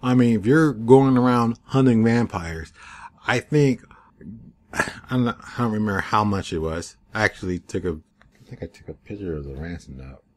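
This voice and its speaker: A man's voice: on the low side, normal speed. Rambling man reviewing a TV episode. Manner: rambling, digressive, chatty. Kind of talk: casual spoken review. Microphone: USB desk microphone.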